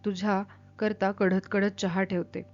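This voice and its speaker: A woman voicing a frail, bent old mother who speaks softly and tenderly in a read-aloud story. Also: medium pitch, flat delivery, a little slow, close to an everyday voice. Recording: dull lo-fi with faint music.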